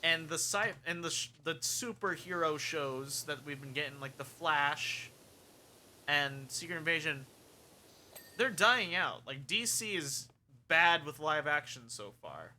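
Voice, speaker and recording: A man's voice: on the high side, animated, a little slow, bright, forceful tone, slight background noise. A young man streaming a game and chatting casually, rambling frankly through his opinions.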